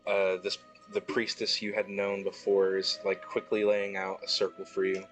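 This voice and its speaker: A man narrating as game master of a tabletop game, describing scenes slowly with fillers, music playing behind. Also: low-pitched, completely flat delivery, poor audio. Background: background music.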